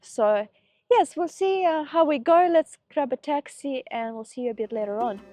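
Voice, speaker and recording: Narrating her travel vlog straight to camera, this woman talks at a moderate pace in a high, expressive, mellow voice. She has a slight head cold, so her voice isn't quite right as she casually explains things.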